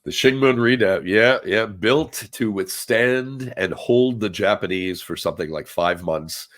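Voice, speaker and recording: A man's voice: lowish voice, measured pace, fairly bright tone. A man co-hosting a podcast as a historian, prompting the guest in casual conversation.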